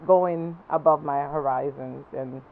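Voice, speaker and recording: A woman from Jamaica with a Jamaican accent, a guest entrepreneur talking about her work, halting and full of ums. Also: low-pitched, gravelly, phone-quality sound, slight background noise. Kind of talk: talk show interview.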